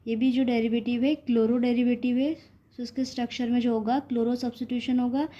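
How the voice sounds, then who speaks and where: A woman with an Indian accent teaching a pharmacy lecture, reading points slowly in English and explaining them in Hindi. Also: fairly high pitch, dark tone. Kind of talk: classroom lecture. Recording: dull lo-fi audio.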